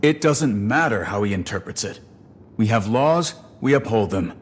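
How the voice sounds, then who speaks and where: A firm, principled lawman from a video game, played by a man. He speaks bluntly in a lowish voice that rings slightly in a hall, over faint noise. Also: expressive, moderate pace, close to an everyday voice. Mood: resolute. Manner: blunt, matter-of-fact. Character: firm, principled, matter-of-fact male law officer.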